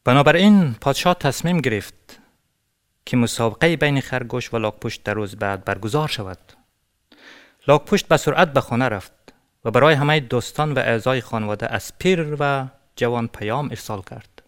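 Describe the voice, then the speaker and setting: Afghan-born male storyteller, measured narration. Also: medium pitch. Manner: measured, occasional restarts. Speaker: storyteller and actor.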